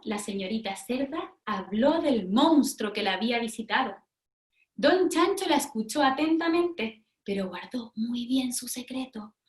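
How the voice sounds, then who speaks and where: A woman teacher reading a storybook aloud and stopping to pose questions, animated and teacherly. Her voice is high and lively in melody, with a roomy echo around it. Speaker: pedagogue. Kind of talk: interactive storybook reading demonstration.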